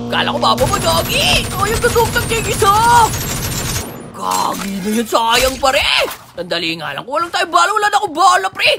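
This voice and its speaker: High, lively-voiced woman shouting gameplay commentary. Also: a little fast, vocal fry, background noise. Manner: excitable, slangy, frequent shouts and laughs. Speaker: gaming streamer. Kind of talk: excited live gameplay commentary. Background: game music and sounds.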